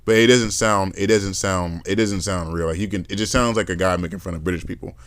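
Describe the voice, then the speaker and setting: A podcast host with a deep voice talks briskly in a dry recording. He chats casually and lively, acting out accents as he rambles through his ideas.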